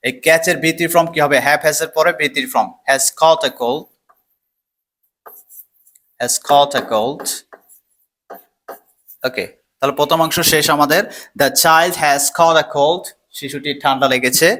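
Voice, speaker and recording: A man teaches English vocabulary step by step. His voice is bright and sits a little high. He explains patiently, repeating each word and asking himself questions before answering them. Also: steady tone, slow pace, long pauses.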